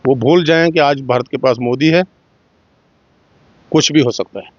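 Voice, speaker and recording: At a measured pace and in a mid-range voice, a middle-aged man from Jammu and Kashmir sincerely tells his own story for an interview, acting out dialogue with slight shifts in his voice. The recording has no room sound and is muffled, dull, and dry.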